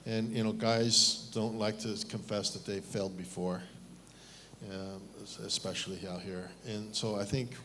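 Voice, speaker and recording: Middle-aged Taiwanese-born panelist, lowish voice, candid and self-mocking. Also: male voice, steady tone, a little slow, sharp tone, a little hiss or hum. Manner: candid, self-deprecating, many restarts. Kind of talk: fireside chat on stage.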